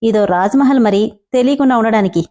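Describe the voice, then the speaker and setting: A woman's voice: a little high, brisk, warm tone, natural voice. A woman reading a storybook voicing a cocky, sarcastic young man who teases his old classmate.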